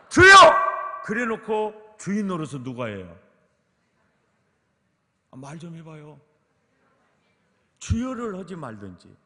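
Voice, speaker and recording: A male pastor preaching at a teachers' seminar, asking the audience questions again and again. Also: on the high side. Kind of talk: sermon at a teachers' training seminar. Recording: long hall reverb.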